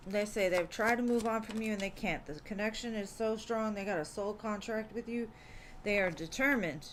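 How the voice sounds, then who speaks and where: Female tarot streamer, relaxed and chatty, mid pitch, light background hum. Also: moderate pace. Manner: chatty, says "like" and "um" often, calls viewers "love". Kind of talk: casual live-stream tarot reading.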